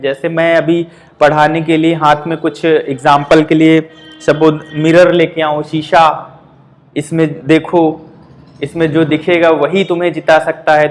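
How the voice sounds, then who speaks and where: A man teaching an exam-prep language lesson, reading English options out slowly and explaining them in quick Hindi-English asides with frequent checks like "theek hai". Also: fairly high pitch.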